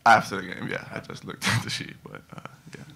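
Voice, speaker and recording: A young man, a college basketball player, answering press conference questions in a halting way with many fillers and restarts, into a table microphone. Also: bright, forceful tone. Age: young adult.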